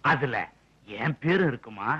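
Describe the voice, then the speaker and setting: A sarcastic, animated police officer. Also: male voice, medium pitch, slow pace, breathy edge, full character voice. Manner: sarcastic, mutters asides to himself. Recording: dull old film audio with faint hiss.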